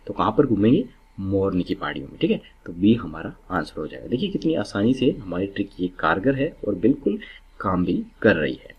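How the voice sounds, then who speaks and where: A man's voice: fairly low pitch, slightly rough, lo-fi sound. A man teaching exam memory tricks, explaining step by step and repeating key words to drill them in.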